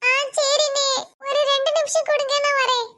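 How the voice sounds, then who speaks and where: A woman doing a squeaky cartoon girl, cheeky and pleading. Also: level tone, normal speed, pushed and bright. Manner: pleading, then cocky and mocking. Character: stranded young girl, pleading then cheeky.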